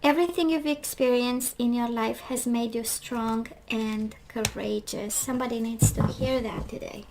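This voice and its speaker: A woman with a voice that is going hoarse, chatting casually through a tarot card reading and often asking "right?". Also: fairly high pitch, fairly even intonation, normal speed, hardly any pauses, slight background noise, poor audio. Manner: chatty, reflective, frequent "right?" and "we do have". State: losing her voice, clearing throat. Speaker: tarot reader.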